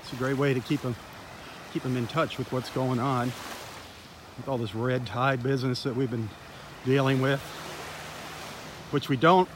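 An enthusiastic man hosts a live stream from a beach, chatting casually and addressing his viewers directly. He speaks at an everyday middle pitch into a handheld phone. Loud surf and wind noise fill the background. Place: outdoors on a beach.

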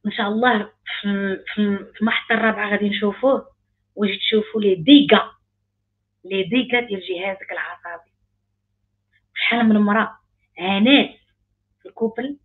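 A woman's voice: medium pitch, breathy edge. A woman with a Moroccan accent, a life coach giving an emphatic online talk full of repeated phrases. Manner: emphatic, repetitive, rising intensity. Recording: tinny phone-like sound.

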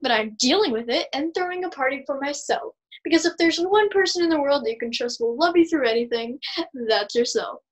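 A woman's voice: high voice, expressive, a little fast. A woman playing a lonely, self-absorbed woman who throws herself a birthday party and talks to herself in two voices. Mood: gushing.

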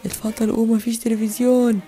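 A woman's voice: a little high, flat delivery, quick pace, mellow, soft background music, natural voice. Strict Egyptian babysitter, a woman voicing her. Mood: scolding. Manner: bossy, scolding. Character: strict grown-up babysitter, bossy and curt. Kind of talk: toy play voice acting.

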